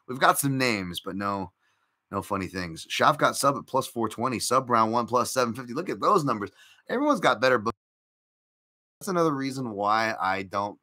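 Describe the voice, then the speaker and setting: A man with a low-leaning, sharp-toned voice hosts a casual live-stream podcast. He meanders through betting picks, filling gaps and restarting often, while chatting with his audience and responding to their comments.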